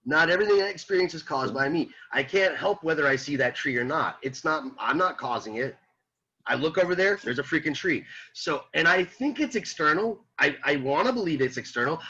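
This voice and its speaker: A man lectures a philosophy class in a bright, forceful voice with a husky edge. He repeats points and throws questions at the students. The lo-fi recording sounds dull. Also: a little high. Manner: animated, repeats himself, rhetorical questions to students. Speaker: philosophy teacher. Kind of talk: classroom lecture reading and explaining a text.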